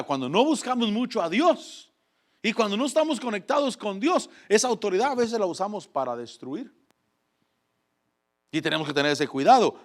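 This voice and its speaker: A high-pitched male preacher delivers a fervent sermon, calling for the congregation to echo his words. His delivery shifts between loud exhortation and quiet asides.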